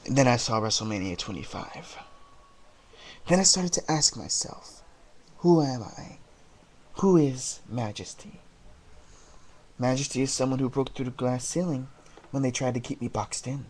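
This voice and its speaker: A man delivering a wrestling promo monologue as a heel, brooding and taunting, with theatrical, deliberate dramatic pauses. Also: mid-range voice, slight background noise. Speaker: amateur wrestler cutting a promo as a heel character.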